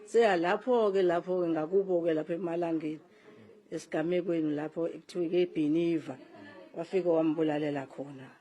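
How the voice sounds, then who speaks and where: A woman's voice: on the low side, fairly even intonation, a little fast, mellow. An older woman from South Africa giving a spoken account of events as a relative. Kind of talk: spoken eyewitness-style account.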